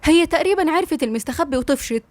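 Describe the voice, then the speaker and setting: A woman's voice: high voice, lively intonation, racing, no echo, pitched above the performer's own voice. A woman with an Egyptian accent voicing a middle-aged mother, dry and evasive. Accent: Egyptian Arabic.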